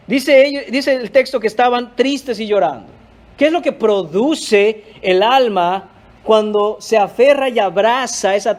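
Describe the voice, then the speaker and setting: A man's voice: high-pitched, a little mellow. A male pastor preaching a sermon, emphatic, often calling out to the congregation. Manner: emphatic, repeatedly addressing the congregation.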